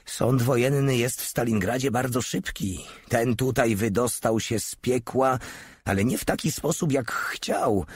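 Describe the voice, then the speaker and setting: A man voicing a coarse, cynical veteran soldier, gruff and sardonic with plenty of swearing. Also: medium pitch, dry recording, clean studio sound, voice pushed up.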